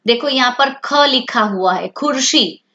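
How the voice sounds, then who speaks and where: Slow, patient woman teacher. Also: on the high side, bright, forceful tone. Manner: asks questions and answers them herself. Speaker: language teacher. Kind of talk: explaining a language lesson to children. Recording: dull lo-fi sound.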